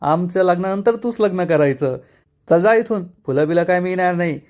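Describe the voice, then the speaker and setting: A man's voice: high voice, expressive, a little mellow. A man doing a bold, scheming young woman. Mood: bossy. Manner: teasing, quick-witted.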